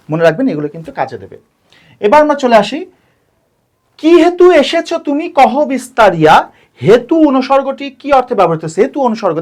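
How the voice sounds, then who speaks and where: A woman working through exam questions as a teacher, explaining step by step, asking rhetorical questions and slowly repeating key words. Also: fairly high pitch. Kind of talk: exam question walkthrough lesson.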